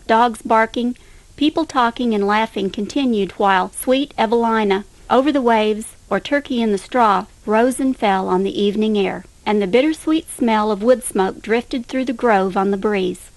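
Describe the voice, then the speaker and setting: A woman reading a nostalgic memoir aloud as a narrator, in a steady, unhurried storytelling manner. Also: a little high, no room sound, low-quality recording.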